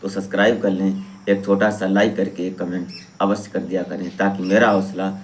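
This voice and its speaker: Low-voiced man narrating a true story. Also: level tone, fairly quick, a little hiss or hum.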